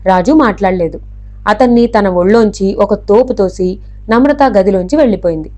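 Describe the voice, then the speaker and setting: A woman narrating a novel as an audiobook in a steady, even storytelling manner. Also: mid-range voice, normal speed.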